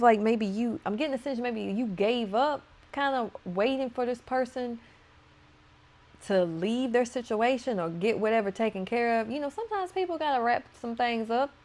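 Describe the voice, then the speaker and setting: A woman's voice: on the high side, normal speed. A woman tarot reader talking casually to her viewers as she turns cards, chatty and playful, breaking into laughs between points.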